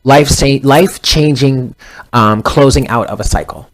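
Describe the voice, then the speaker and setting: Man in his thirties, tarot reader, rambling, self-correcting, conversational, mid pitch. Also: measured pace. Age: 30s. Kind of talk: casual tarot reading monologue.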